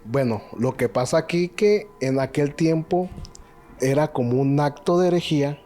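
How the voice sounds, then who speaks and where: Mellow-voiced man, halting storyteller. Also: fairly high pitch, soft background music. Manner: hesitant, many restarts and filler words. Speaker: podcast co-host. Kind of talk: casual chat, retelling stories.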